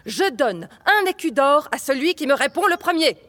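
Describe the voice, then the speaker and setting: A woman voicing a bossy, hot-tempered king who shouts commands in a storybook reading. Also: high voice, sing-song, measured pace, pitched above the performer's own voice, heavily acted. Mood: bewildered, calling. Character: hot-tempered bossy old king, loud, easily exasperated.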